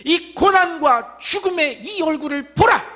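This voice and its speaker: A male pastor acting out Jesus in a forceful, proclaiming voice during a sermon. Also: extremely high pitch, lively intonation, unhurried, voice pushed up, full character voice. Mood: commanding. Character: commanding Jesus rebuking a disciple. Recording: long church reverb.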